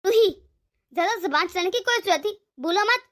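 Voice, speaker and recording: A woman's voice: very high voice, animated, a little fast, fairly bright tone. A woman voicing a domineering, scheming older mother-in-law in a Hindi cartoon, giving orders in a commanding tone. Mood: stern. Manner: bossy, commanding.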